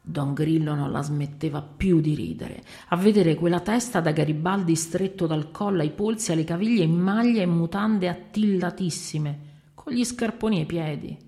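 A woman reading a short story aloud in an expressive storytelling manner. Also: on the low side, moderate pace.

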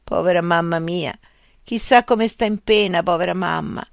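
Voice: medium pitch, normal speed, vocal fry, dry recording, studio quality, lightly acted. A storyteller voicing Cesare, a brave schoolboy with a Roman accent who coaxes his friend along. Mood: coaxing. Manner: coaxing, reassuring.

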